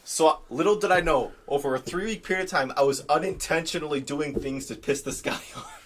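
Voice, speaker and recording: A man's voice: fairly high pitch, brisk, fairly bright tone. A young man, a guest on a casual podcast, telling a story and often repeating himself. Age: young adult.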